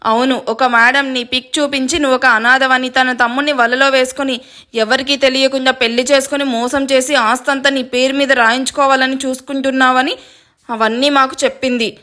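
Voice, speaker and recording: A woman voicing rough male hired killers who talk in a gruff, threatening way. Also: high voice, flat delivery, fairly quick, pushed and bright. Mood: menacing.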